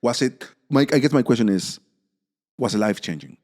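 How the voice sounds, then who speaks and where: A man hosting a podcast in casual chat, halting, with many fillers and restarts. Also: medium pitch, expressive, darkish tone, long reverb tail. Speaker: podcast host.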